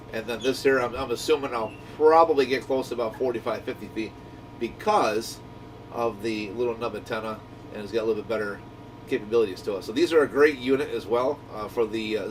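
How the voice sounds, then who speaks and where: Like a shop owner addressing his viewers, a man gives an enthusiastic, conversational product review that wanders from point to point. It's recorded on a distant microphone with a low, rumbling, noisy hum.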